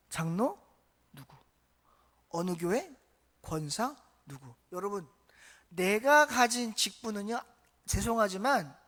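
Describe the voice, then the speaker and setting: In a church sanctuary, a Korean male pastor delivers a lively, animated sermon in a high-pitched voice. He asks the congregation questions and swings between loud emphasis and soft, hushed remarks.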